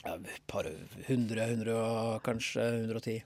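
A man, a stand-up comedian from southern Norway, chatting as a podcast guest, laughing often and bursting into loud mock quotes. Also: lowish voice, fairly even intonation, no echo. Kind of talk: casual podcast interview.

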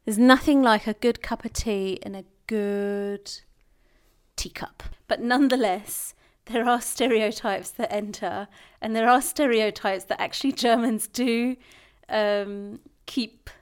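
A woman's voice: fairly high pitch, steady tone, measured pace, smooth. A young British woman in casual conversation, chatty and playful, often restarting her sentences. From Britain. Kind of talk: casual chat.

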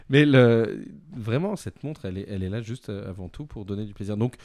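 A man's voice: lowish voice, normal speed, darkish tone. A man being interviewed as a brand executive, answering in a hesitant way with many restarts. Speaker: executive director of a watch brand, guest.

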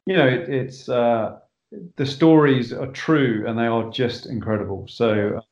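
A man's voice: mid-range voice, fairly even intonation, measured pace, darkish tone. A man who directs films, talking earnestly as a podcast guest, with many restarts. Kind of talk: casual interview talk. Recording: echoey, dull remote line.

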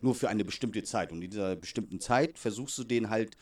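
Relaxed low-voiced man, chatty coach. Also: fairly quick. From Vietnam. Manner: relaxed, chatty, many fillers like "genau". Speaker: youth football coach, guest. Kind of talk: casual interview.

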